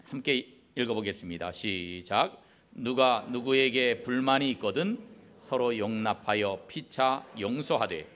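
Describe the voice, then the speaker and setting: A man's voice: mid-range voice, a bit bright. A middle-aged man preaching a Sunday sermon as pastor in a church, acting out little family quarrels as he goes. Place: church sanctuary.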